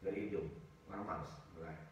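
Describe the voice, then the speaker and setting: A man's voice: very deep voice, quick pace. A man giving a casual, humorous sermon as a religious teacher, acting out the complaints of his listeners in raised voices and joking with the audience. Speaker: ustaz giving a study circle talk. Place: mosque hall. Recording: echoey mosque hall from far off.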